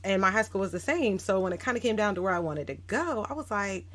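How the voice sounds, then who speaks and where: A woman's voice: mid-range voice, fast. A woman in her thirties, a guest educator, telling stories on a casual podcast in a reflective way. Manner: reflective, animated when quoting others.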